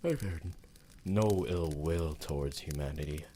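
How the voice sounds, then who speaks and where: The voice is extremely low and dark in tone, with slight background noise, as a man plays an ancient vampire lover, possessive yet refined, in intimate ASMR. He speaks in formal, theatrical phrases with pauses, in a reflective mood.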